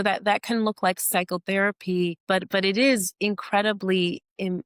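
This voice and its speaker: A woman's voice: on the low side, no echo, clean studio sound. A woman hosting an interview, summarizing her guest's points and asking follow-up questions. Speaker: podcast host. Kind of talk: conversational interview.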